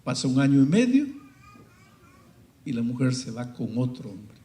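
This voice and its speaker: A man preaching a sermon, swinging dramatically between hushed and loud passages. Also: medium pitch, very animated, normal speed, echoey room.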